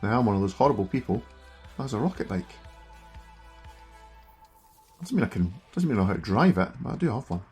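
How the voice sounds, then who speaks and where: A middle-aged Scottish man with a broad accent chats casually through a gameplay stream. His voice is husky and his manner self-deprecating. Faint music plays behind him. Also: lowish voice, very animated, a little fast, long pauses, darkish tone. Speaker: streamer reviewing a gaming handheld. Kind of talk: casual live gameplay commentary.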